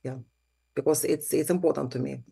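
A middle-aged Ukrainian woman, a native Russian speaker with a Ukrainian accent, appears as a guest in a conversational interview, speaking earnestly and reflectively. Her voice sits low and is brisk, gravelly, mellow, and husky.

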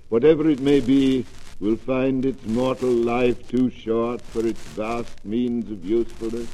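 A mournful ghost of a dead miser, as a male reader puts him on, speaking low, slow and hushed. The voice is dark and mellow, with the weight of a solemn warning in a storybook reading. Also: a little hiss or hum, low-quality recording.

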